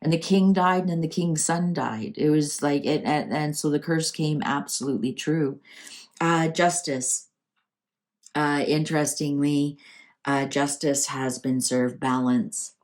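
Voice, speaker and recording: In an unhurried, low voice with a slightly dark tone, a Canadian woman hosts a laid-back tarot reading, chatting and thinking aloud as she improvises.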